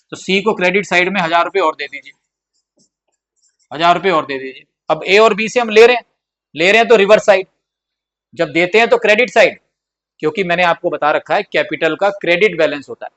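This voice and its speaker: A man's voice: high-pitched, a bit bright. A man teaching accounts in a classroom lecture style, repeating key points and mixing in terms. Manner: repetitive, drills points, acts out pleading partners.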